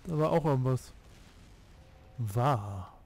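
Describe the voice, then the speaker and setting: A man's voice: mid-range voice, lively intonation, slow pace, vocal fry, a little mellow. A young man chatting casually with friends while commentating his own video game play. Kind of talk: casual gaming chat with friends.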